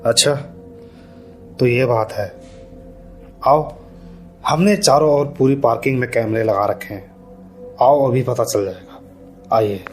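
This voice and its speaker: A man voicing a stern middle-aged parking lot owner who talks in a measured, scolding tone. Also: medium pitch, soft background music, lightly acted.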